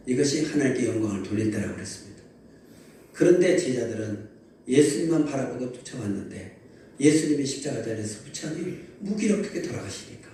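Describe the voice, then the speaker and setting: Mellow-voiced male pastor in echoey church. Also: mid-range voice, a little hiss or hum. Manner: lively storytelling preaching, calls to the congregation. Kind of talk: Sunday sermon. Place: large church sanctuary. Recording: very echoey church hall, distant mic, faint ambience.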